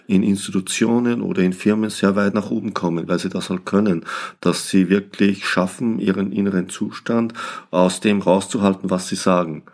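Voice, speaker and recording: Male podcast co-host, very low voice, musing and repetitive delivery. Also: a little mellow. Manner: reflective, repeats words while searching for phrasing. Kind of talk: conversational podcast discussion.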